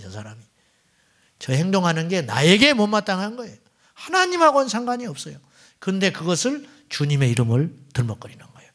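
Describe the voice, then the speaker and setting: A middle-aged male pastor giving a Friday night sermon, firing rhetorical questions at the congregation and dropping at times to near whispers. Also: a little high. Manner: swings between loud exclamations and near-whispered asides. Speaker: senior pastor.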